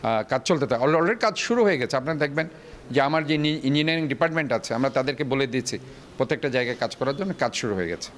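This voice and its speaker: A man city official explaining in a quick, explanatory way during a news interview. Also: medium pitch, expressive, slight background noise.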